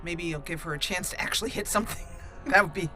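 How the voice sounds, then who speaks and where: A woman hosting a gaming channel gives chatty, playful gameplay commentary, laughing at her own jokes. She talks fast in a fairly low, bright and forceful voice, with faint game music behind.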